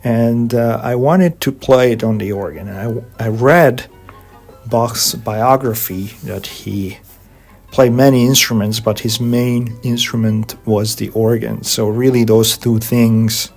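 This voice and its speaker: A middle-aged Hungarian man, a guest organist and composer, answering interview questions in measured English with frequent pauses and fillers. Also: mid-range voice, fairly even intonation, creaky, a little mellow, faint music behind.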